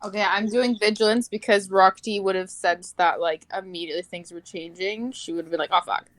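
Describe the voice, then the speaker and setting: A woman's voice: mid-range voice, fairly even intonation, fairly quick, dry recording. A woman playing in a tabletop role-playing game, chatting casually, laughing a lot and saying "like" often. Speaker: player.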